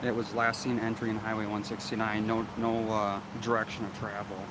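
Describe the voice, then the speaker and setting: A man reporting live as a local news streamer, halting and repetitive as he gives an unscripted on-scene update outdoors in the wind. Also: fairly low pitch, level tone. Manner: halting, repeats himself. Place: outdoors on a street at an active scene. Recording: loud wind noise, outdoor vehicle ambience.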